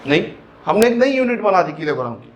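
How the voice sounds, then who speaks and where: Speaking a little fast in a high, sing-song voice, this physics teacher with a Hyderabadi Hindi accent lectures his class. He breaks concepts down step by step, slips in English terms, and puts questions to students as he goes.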